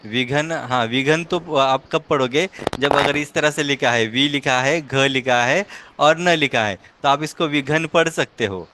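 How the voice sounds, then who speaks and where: Man teaching reading, slow patient repeats, mid voice, noisy background hiss. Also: mid-range voice, pushed and bright. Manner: patient, repeats words slowly and explains letter by letter. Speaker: language teacher. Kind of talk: one-on-one reading lesson.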